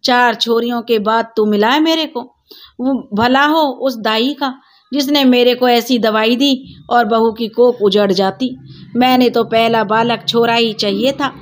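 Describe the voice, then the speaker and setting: A woman's voice: on the high side, a little slow, close to an everyday voice. Read-aloud story: woman voicing an old village grandmother, fond and rustic. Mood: doting.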